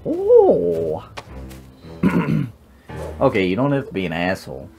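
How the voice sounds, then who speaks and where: Sweary young man with lively, swooping pitch. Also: slow, gravelly, highs cut off, faint music behind. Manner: sweary, blunt, joking. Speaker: gaming video host. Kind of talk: casual reactive game commentary.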